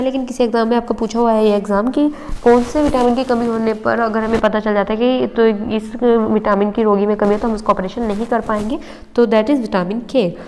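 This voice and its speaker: A woman's voice: a little high, a little mellow. A young woman teaching an exam-prep lesson, explaining step by step and checking in with her listeners, with a slight cough now and then. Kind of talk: exam-prep lesson over handwritten notes. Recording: roomy with long reverb.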